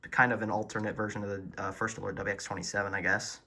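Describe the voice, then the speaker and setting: This man talks quickly in a lowish, creaky voice with a level tone. As an enthusiastic weather radio collector, he narrates a casual show-and-tell of his collection from an indoor room at home, holding a handheld camera and remaining off screen. Faint noise and clicking buttons are audible.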